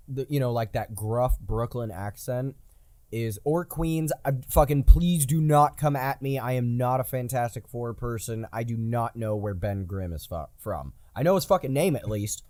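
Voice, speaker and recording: A man hosting a podcast in casual chat, from the United States, rambling and swearing with excitable energy. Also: medium pitch, unhurried, dry recording. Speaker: podcast host.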